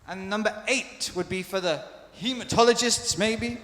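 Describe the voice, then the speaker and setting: Man, teacher, slow drilled pronunciation, bilingual, roomy hall echo. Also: high-pitched. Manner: lively, drills words slowly, switches between English and Spanish. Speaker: English teacher. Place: hospital lecture hall. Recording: echoey hall with long reverb.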